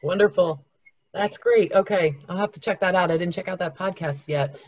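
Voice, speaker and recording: A woman's voice: fairly low pitch, moderate pace, a little mellow, dry recording, lo-fi sound. A woman hosting a group video call, upbeat and thankful toward guests. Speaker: host. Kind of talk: casual group chat hosting.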